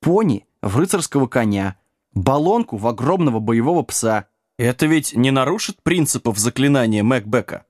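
A man's voice: mid-range voice, expressive, moderate pace, a little mellow, no room sound, clean studio sound, close to an everyday voice. A man voicing an earnest young hero. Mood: eager. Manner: earnest, inquiring.

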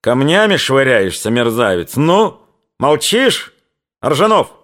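A man voicing a quick-tempered Cossack captain who speaks curtly and commandingly, in an audiobook reading. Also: medium pitch, very animated, a bit bright, voice pushed up. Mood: shouting. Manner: curt, commanding, raises his voice.

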